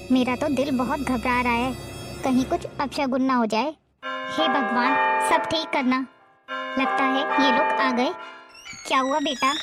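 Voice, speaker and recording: A scolding, superstitious middle-aged mother-in-law, voiced by a woman who bosses the whole house. Her voice sits high, and clear background music runs under every line of this homemade drama. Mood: worried. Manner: scolding, bossy. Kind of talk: homemade moral-story drama acting.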